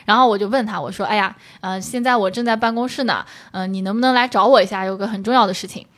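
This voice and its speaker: A woman co-hosting a casual chat show, telling animated work stories. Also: medium pitch. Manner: animated, quick storytelling with acted quotes. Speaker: podcast co-host.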